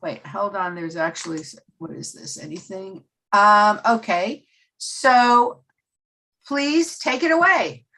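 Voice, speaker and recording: A woman's voice: mid-range voice, takes it slowly, pushed and bright. A woman introducing a webinar over a video call, a bit flustered with the tech. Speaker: program host.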